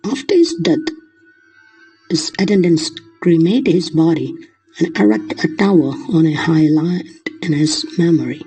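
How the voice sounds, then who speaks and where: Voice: mid-range voice, expressive, unhurried, dark tone, faint music behind, rough recording. A lecturer explaining literature in the manner of a lesson, glossing terms in simple words along the way.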